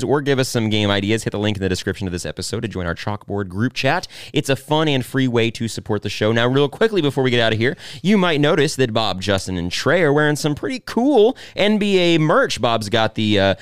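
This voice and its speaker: A man's voice: mid-range voice, expressive, fast, hardly any pauses, clean tone, dry recording, clean studio sound. A man hosting a casual sports podcast, loose and rambling with lots of fillers. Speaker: podcast host.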